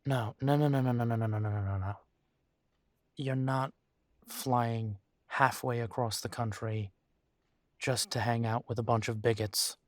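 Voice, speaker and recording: In an intimate audio roleplay, a man voices a male werewolf addressing his mate, his medium-pitched, natural voice steady in tone. He sounds weary, torn and exasperated, protesting in a halting, sighing way. The recording is very dry, with no room sound at all.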